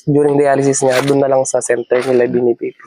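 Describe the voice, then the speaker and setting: A young man, a student, chatting politely and softly giving thanks during an unboxing vlog. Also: mid-range voice, fast talker, a little hiss or hum, low-quality recording. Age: young adult. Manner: polite, flat, soft-spoken thanks. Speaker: student guest. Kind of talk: casual chat.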